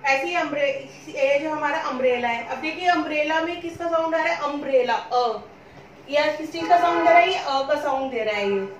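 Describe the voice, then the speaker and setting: Bright-voiced woman teaching in an echoey room. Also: high-pitched, fairly quick, slight background noise. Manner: repetitive questioning, answers her own questions. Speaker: English teacher. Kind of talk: classroom-style lesson explanation. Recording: roomy echo, speaking from a distance.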